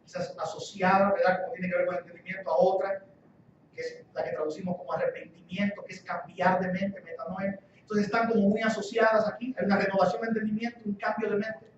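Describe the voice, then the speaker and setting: A man's voice: sits high, little pitch movement, fast talker, slight background noise. A man preaching a sermon as guest pastor, emphatic, repeating key phrases and asking rhetorical questions. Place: church hall. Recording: echoey church hall, distant dull mic.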